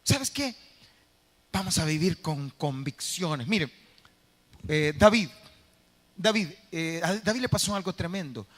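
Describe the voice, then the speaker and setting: A man preaching a sermon as pastor, animated, dramatizing scenes and calling out phrases to his church. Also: a little high, measured pace, long pauses, big-room sound. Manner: animated preaching, acting out voices and shouting phrases. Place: church sanctuary.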